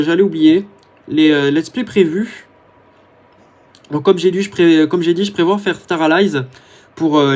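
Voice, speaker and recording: A man's voice: a little high, darkish tone. A man giving casual, rambling commentary over his own gameplay, talking to his viewers with many hesitant fillers. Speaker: gaming YouTuber.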